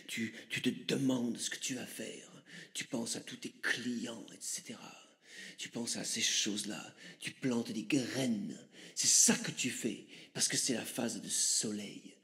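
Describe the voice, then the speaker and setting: Man playing a dreamy shaman guru, low murmuring voice, half whispered, gravelly, drifting off mic. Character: mystical male shaman guru, dreamy and hushed. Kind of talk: comic sketch monologue.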